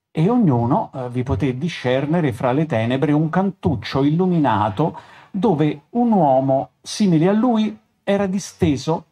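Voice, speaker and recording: Slow, deliberate male storyteller. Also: a little high, dark tone. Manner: deliberate, dramatic phrasing. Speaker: actor reading a fairy tale aloud. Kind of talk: expressive literary reading. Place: bookstore event.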